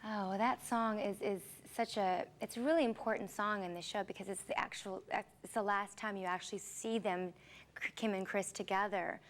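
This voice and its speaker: A woman's voice: mid-range voice, fairly even intonation, moderate pace. A young woman, a musical theater actress, answering interview questions in a friendly, chatty way, with many fillers and restarts. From Philippines, raised in Seattle. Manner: friendly, chatty, with frequent fillers and repeated starts.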